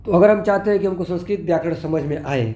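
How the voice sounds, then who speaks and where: A man's voice: high voice, fast, warm tone, slight background noise. A male teacher giving a grammar lesson, asking questions and answering them himself while spelling out letters one by one. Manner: explanatory, asks and answers own questions.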